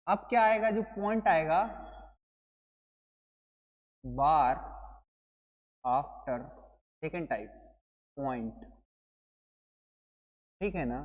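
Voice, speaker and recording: A man's voice: on the high side, animated, slow, long pauses, in a large hall, lo-fi sound. A male teacher giving an exam coaching lesson, playful and chatty, who keeps calling his students brother and explains with wedding and party stories.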